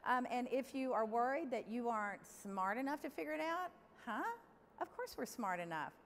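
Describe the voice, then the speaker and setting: Middle-aged woman, keynote speaker, candid and lively, echoing big hall, faint room noise. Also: a little high, moderate pace. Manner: lively, candid, addresses the audience directly. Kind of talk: conference keynote speech. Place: large conference hall.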